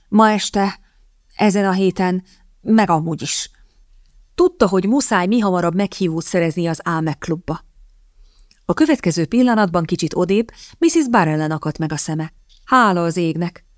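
A woman reads a novel aloud in a measured, even storytelling manner. Her voice sits on the low side. The recording is dry and close, made in a deadened studio. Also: no echo. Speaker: audiobook narrator. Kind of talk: scripted audiobook narration.

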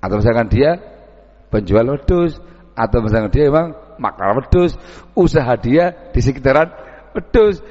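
A preacher delivers a dawn sermon in an expressive, darkish mid-range voice at normal speed, pausing often. He tells folksy stories and acts out village dialogues, recorded in an echoey hall with dull lo-fi sound.

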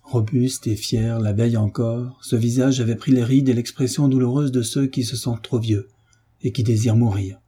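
A man narrating a classic novel in a measured, solemn audiobook reading. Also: mid-range voice, steady tone, warm tone, breathy edge. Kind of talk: scripted literary narration.

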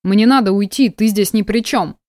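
A woman's voice: medium pitch, normal speed, a little mellow, no echo, natural voice. A woman voicing a frustrated, earnest young man. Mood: tense, bitter. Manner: tense, earnest, controlled then bitter. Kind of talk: audiobook dialogue.

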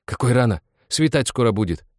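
A man voicing a stern young village woman who scolds sharply and shouts in fright. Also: mid-range voice, animated, fairly quick, dry recording, studio quality, voice pushed up, close to an everyday voice.

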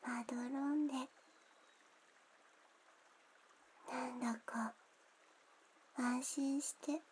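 A woman playing a gentle, drowsy young attendant in an ASMR role-play, speaking soft, breathy, intimate pillow talk to lull a guest to sleep. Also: high-pitched, fairly even intonation, slow pace, slight background noise. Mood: dreamy, drowsy.

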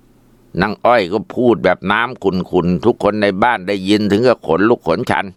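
Man narrating a ghost story, smooth voice. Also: fairly low pitch, brisk, no room sound.

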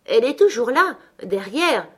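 A woman's voice: medium pitch, moderate pace, natural voice. A woman voicing a delirious, frightened young woman in an audiobook, anxious and pleading. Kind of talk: audiobook character reading.

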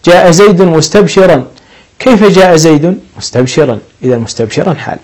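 A man's voice: fairly high pitch, fairly quick, a little mellow, poor audio. A man teaching an Arabic grammar lesson, explaining patiently step by step and lifting his voice on each example sentence.

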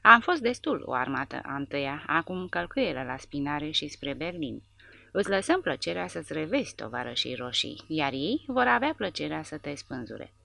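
A woman voicing a brash male veteran soldier who taunts and jokes loudly in a low, gravelly voice. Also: big pitch swings, no echo, heavily acted. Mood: taunting. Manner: taunting, boisterous.

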